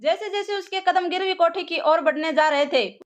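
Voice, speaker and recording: A woman narrating a scripted audio drama story in a steady, dramatic way. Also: extremely high pitch, moderate pace, dull audio.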